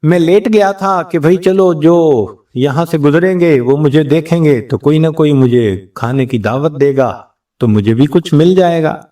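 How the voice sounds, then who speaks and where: A man's voice: fairly high pitch, warm tone. Man preaching a story-driven sermon, distant. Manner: storytelling, acting out quoted exchanges. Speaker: religious scholar.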